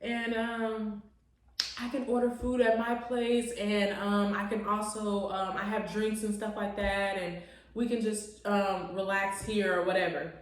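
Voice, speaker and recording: Woman quoting a laid-back, smooth-talking young man. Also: a little high, fairly even intonation, normal speed, natural voice. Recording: echoey room, voice away from mic.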